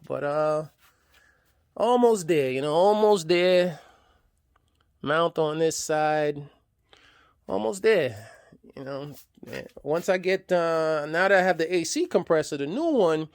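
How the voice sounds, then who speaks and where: A man's voice: a little high, no echo. A man talking casually through his engine build in a garage vlog, rambling loosely with lots of fillers. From New York. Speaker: hobby mechanic vlogger.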